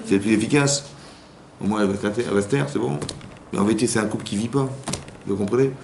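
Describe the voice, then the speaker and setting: A man's voice: fairly low pitch, fast, creaky, a crowd in the background. A man giving an informal class to women as a rabbi, talking conversationally with many repetitions and restarts and acting out quoted spouses. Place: community hall class. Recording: echoey room with faint hum.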